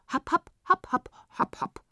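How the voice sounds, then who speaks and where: A woman's voice: unhurried, bright, forceful tone, no echo, clean studio sound. A woman reading aloud, voicing a pair of silly, grinning male pilgrims who babble nonsense.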